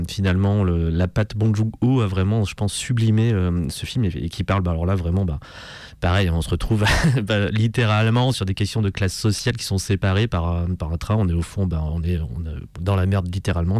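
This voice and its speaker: A man's voice: fairly low pitch, a little mellow, no echo. A man hosting a radio show, talking casually and rambling with many fillers and restarts. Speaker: radio host.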